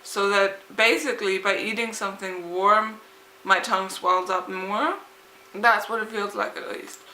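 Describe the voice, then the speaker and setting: Young woman with slightly lisped, bright voice. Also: mid-range voice, fairly even intonation, unhurried. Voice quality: slightly lisped, impeded articulation from a swollen tongue. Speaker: vlogger. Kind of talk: casual vlog chat, rambling. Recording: echoey, roomy sound.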